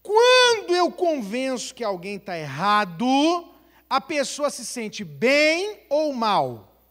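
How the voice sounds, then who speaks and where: Lively, high-voiced Brazilian pastor preaching. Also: male voice, slow. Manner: lively, dramatic delivery, acting out family quarrels and rhetorical questions. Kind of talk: sermon. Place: church hall. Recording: long hall reverb.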